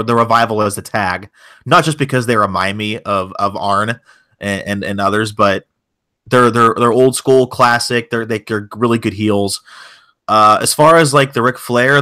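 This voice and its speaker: Man, co-host, casual podcast chat, bright forceful voice, wry and sarcastic. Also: mid-range voice. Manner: wry, news-segment leading, with sarcastic asides.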